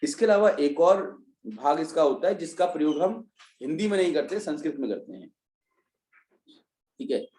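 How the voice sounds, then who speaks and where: Hindi teacher man with a mellow, echoey voice. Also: a little high, big pitch swings, moderate pace, long pauses. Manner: explains step by step, asks and answers his own questions. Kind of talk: online revision class. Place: online class, students joining remotely.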